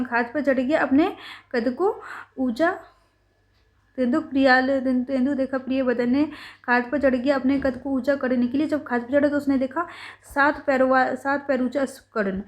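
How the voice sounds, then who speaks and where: High-voiced woman teaching with playful mnemonics. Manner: playful storytelling with repetition and self-corrections. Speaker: ayurveda teacher. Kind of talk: mnemonic lesson explanation.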